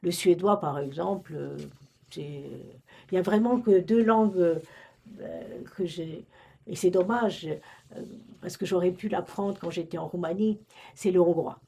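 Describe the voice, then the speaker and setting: A husky, mellow, lowish voice at a measured pace belongs to an older Romanian woman, a retired librarian, reminiscing in an oral history interview. Her speech is hesitant, with many restarts and fillers.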